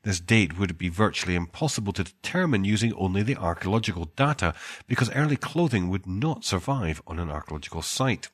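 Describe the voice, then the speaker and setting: A man with a cold, reading archaeology news as host with wry deadpan asides and a husky voice. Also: deep voice, fairly quick.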